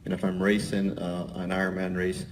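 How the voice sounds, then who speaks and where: A man's voice: low voice, completely flat delivery, moderate pace, slight background noise. A man in his fifties speaking plainly and matter-of-factly on an athlete panel. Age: 50s. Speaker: panelist, racer. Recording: distant mic in an event space.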